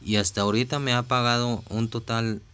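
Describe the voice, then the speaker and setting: A man talking casually over a phone screen recording, slow and hesitant with many fillers and restarts. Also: mid-range voice, flat delivery, fairly bright tone, clear, resonant tone. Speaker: vlogger walking through a website.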